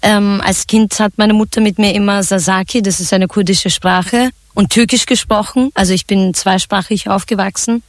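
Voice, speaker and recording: A woman's voice: medium pitch, moderate pace, few pauses, no echo. Chatty woman singer, dry studio sound. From Turkey. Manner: relaxed, chatty, laughs often, many fillers. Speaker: singer and songwriter. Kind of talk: radio interview answers.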